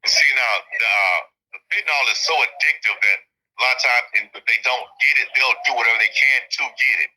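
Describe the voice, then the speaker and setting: A man's voice: mid-range voice, a little fast, sharp tone. A man with an Alabama Southern accent giving candid, emphatic interview answers over a phone line, often repeating himself for stress. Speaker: prison inmate being interviewed.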